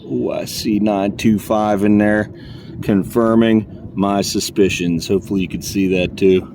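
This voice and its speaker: A man, vlogging casually as he metal detects in a public park, excitable and chatty as he calls out his finds. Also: on the low side, unhurried, slight background noise. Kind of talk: casual vlog narration while detecting.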